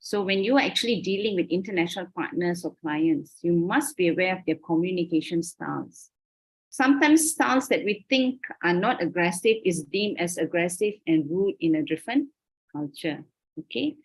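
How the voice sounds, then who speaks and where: A Malaysian university lecturer gives an online lecture over a video call, explaining each point carefully and frequently checking in with "okay?" Her voice sits on the low side and sounds animated, at a moderate pace, and the audio quality is poor.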